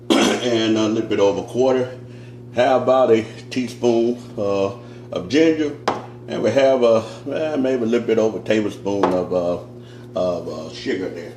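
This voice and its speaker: A man's voice: lowish voice, darkish tone. A man giving a casual cooking demonstration as a pitmaster, talking in a folksy, homespun way with plenty of fillers. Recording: echoey room, mic at a distance, faint noise.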